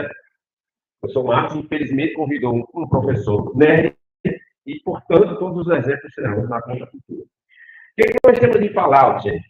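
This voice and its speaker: A middle-aged university professor from Northeast Brazil, speaking Portuguese with a Northeastern accent, gives a lively, animated lecture and often questions his audience. His voice is a little high. The lecture hall sounds echoey, and the audio is tinny, like a phone.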